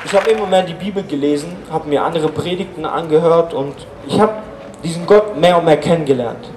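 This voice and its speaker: A man's voice: a little high, fairly quick, echoey room, crowd noise, noisy background. Earnest man giving casual faith testimony. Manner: informal, earnest, many fillers.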